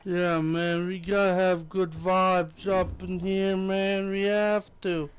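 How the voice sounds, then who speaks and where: A man's voice: sits high, level tone, takes it slowly, clear, resonant tone. A man with an American accent livestreaming a game in casual, bro-heavy frat-boy slang, hyping himself up as the show's host. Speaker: game streamer, show host. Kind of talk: casual livestream chat while gaming. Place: indoors, air-conditioned room.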